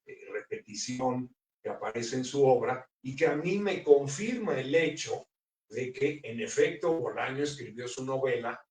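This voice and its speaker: A man's voice: mid-range voice, animated, unhurried, a little mellow. Man, literary talk, hesitant fillers, roomy echo. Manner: thoughtful, hesitant with many fillers and restarts. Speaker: book presenter. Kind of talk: literary talk at a book launch. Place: bookstore event room. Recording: roomy, picked up from a distance.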